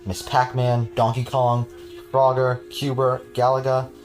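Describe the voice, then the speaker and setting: A man's voice: medium pitch, completely flat delivery, unhurried. A man hosting a podcast, reading a horror story aloud with casual, chuckling asides to his cohost.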